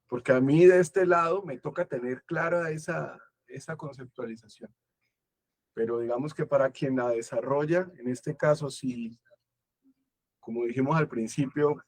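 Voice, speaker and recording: A man's voice: on the high side, no room sound. A Colombian man giving a conference talk as a guest lecturer, thoughtful and searching for his words.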